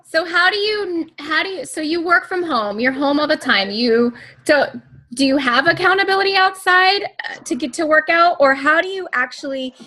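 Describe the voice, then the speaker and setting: A woman's voice: high voice, lively intonation, normal speed, sharp tone. A woman hosting an interview, asking questions and encouraging her guest with frequent short replies. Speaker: host.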